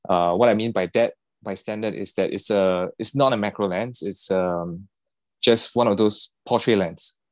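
A man answering podcast questions in a relaxed, halting way. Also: fairly low pitch, dry recording. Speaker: podcast guest, watch collector. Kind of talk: casual interview answers.

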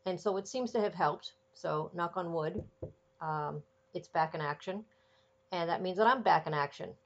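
At a moderate pace, a Boston, Massachusetts woman hosts a casual podcast monologue while congested with a cold, her voice low and gravelly. She's chatty and says um and uh a lot, and the audio is dull and lo-fi.

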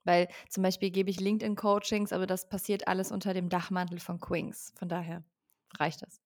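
A woman's voice: on the low side, little pitch movement, fairly quick, a little mellow. A woman in her twenties, a company founder, speaking as a podcast guest and explaining fluently with frequent ähm fillers. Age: 20s. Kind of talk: podcast interview.

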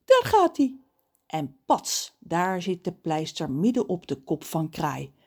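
A woman reading a children's story aloud in a lively, expressive way. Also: low-pitched, slow, slightly rough.

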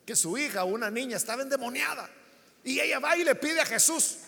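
High-pitched impassioned male preacher. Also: expressive, a little fast, vocal fry, pushed and bright, husky, in a large hall. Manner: impassioned, acts out biblical dialogue. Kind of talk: sermon.

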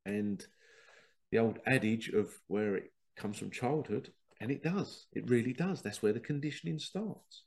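Congested from a head cold, this man hosts a rambling podcast talk on spiritual matters and frequently performs the dialogue he quotes. He speaks at medium pitch in an unhurried way, and his tone is darkish.

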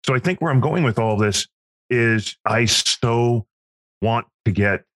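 A man's voice: medium pitch, measured pace, a bit bright. A man co-hosting a business podcast, making points about systems and customers with wry, teasing asides. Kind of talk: casual business chat.

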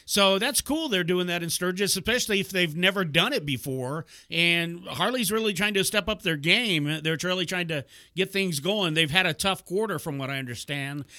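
A man co-hosting a podcast in casual chat, rambling and self-deprecating, thinking out loud into a headset mic. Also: high-pitched, normal speed, few pauses, no room sound, clean studio sound. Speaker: podcast co-host.

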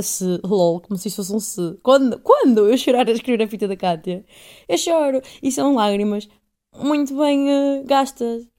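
A woman's voice: a little high, mellow. A woman in her twenties with a European Portuguese accent, hosting a solo podcast in a rambling, self-deprecating casual monologue. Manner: rambling and self-deprecating, heavy use of fillers. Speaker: podcast host.

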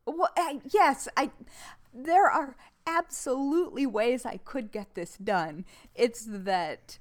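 Woman co-host, casual chat, wry deadpan humor, slightly high voice. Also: slow. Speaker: podcast co-host. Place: home.

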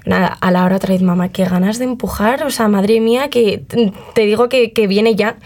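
A woman's voice: mid-range voice, brisk, darkish tone. Chatty young Spanish woman. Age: 20s. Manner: chatty, uses many fillers, acts out quoted remarks. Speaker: interview guest. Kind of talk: casual conversational interview.

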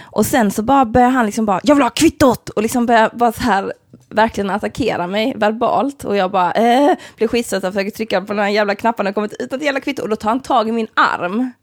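A young woman in casual chat, telling lively stories with swearing and laughter. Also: on the high side, no room sound, clean studio sound. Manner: vivid storyteller, swearing, laughing.

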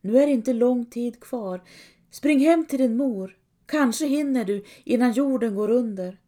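A woman's voice: a little high, warm tone, lightly acted. A woman voicing a stern old male village priest in a storybook reading, curt and cold.

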